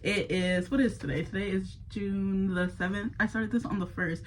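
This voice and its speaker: A woman's voice: mid-range voice, fairly even intonation, moderate pace, slight background noise, poor audio. A young woman talking casually about books to the camera, with lots of fillers, sometimes reading passages aloud. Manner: chatty, many fillers, reads passages aloud. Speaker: book vlogger. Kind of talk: casual chat.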